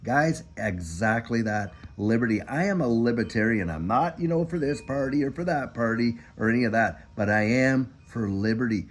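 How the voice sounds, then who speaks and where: A man's voice: mid-range voice, expressive, normal speed, hardly any pauses. An older man from Canada hosting a casual morning coffee chat, folksy and emphatic, often repeating "I'll tell you what". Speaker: commentary channel host. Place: home, living in the US.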